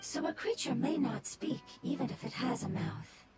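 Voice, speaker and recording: A woman voicing a calm, formal fungus creature in a game, speaking in a precise, machine-like way. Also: high-pitched, normal speed. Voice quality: soft, precise, robotic manner. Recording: game audio with loud music behind.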